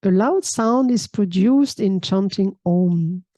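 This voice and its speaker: A woman, teaching a calm, reflective spiritual talk and often checking in with a soft hmm. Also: mid-range voice, takes it slowly, dry recording. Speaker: yoga teacher. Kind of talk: spiritual talk reading and explaining a text.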